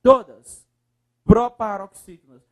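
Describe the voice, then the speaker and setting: Brazilian teacher drilling syllables slowly. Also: male voice, very high voice, fairly even intonation. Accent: Brazilian Portuguese. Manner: coaxing, repeats words slowly and syllable by syllable. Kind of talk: video lesson.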